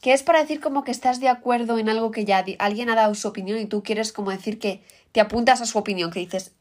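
A woman's voice: a little high, fast talker. A woman with a Peninsular Spanish accent giving an upbeat English lesson, explaining vocabulary and saying the example words in English. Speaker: English teacher. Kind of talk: language lesson.

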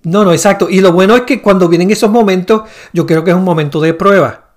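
A man with a notably high voice hosts a relaxed faith podcast. He rambles, restarts often and searches for words. Now and then he slips into playful teasing. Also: quick pace. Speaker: podcast host. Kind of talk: casual religious chat.

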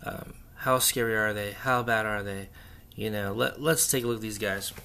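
A man hosting a casual, unscripted solo hobby chat, thinking aloud haltingly in an echoey, stripped-out bunker room. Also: on the low side, steady tone, creaky, bright, forceful tone, a little hiss or hum. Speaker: podcast host. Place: echoey indoor room under renovation, torn-out walls.

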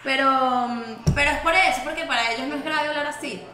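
Woman cohost, high bright voice, lively questions, echoey room. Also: fast. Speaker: co-host. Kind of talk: casual chat.

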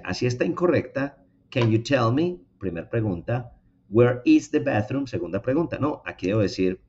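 A man's voice: fairly low pitch, mellow, muffled recording. A man giving an online English lesson, explaining step by step and checking in with his students. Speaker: English teacher.

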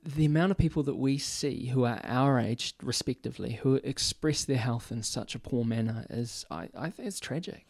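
A gravelly, darkish-toned man in his forties who works in healthcare chats casually and thoughtfully, restarting his sentences often and gesturing with his hands as he talks. His voice is medium-pitched at a moderate pace with hardly any pauses. The boom-mic recording is clean studio sound with no room noise.

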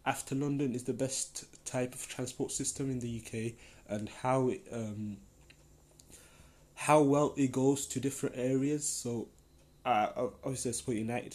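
A young man who grew up in Denmark hosts a casual solo podcast Q&A, talking in a rambling, enthusiastic way packed with fillers. His voice is mid-range with a darkish tone.

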